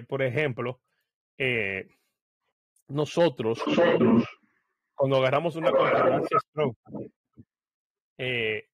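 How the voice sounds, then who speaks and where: A man walks viewers through searching Bible software in a relaxed screen-share tutorial. He explains each step as he goes and often pauses on fillers while he thinks aloud. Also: medium pitch, dry recording.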